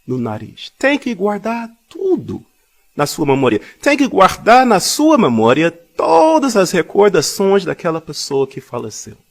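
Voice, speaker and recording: A man giving a public Bible talk, deliberate and repeating phrases for emphasis, with personal anecdotes woven in. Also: high-pitched. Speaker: congregation speaker.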